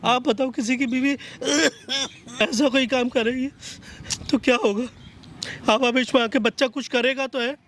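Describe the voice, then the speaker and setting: A scolding older father-in-law, played by a man reproaches in a fairly high voice. He sounds like he is outdoors, with faint traffic noise behind him. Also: fairly even intonation, a little slow, pauses often, a bit bright. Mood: troubled. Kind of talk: street social skit acting.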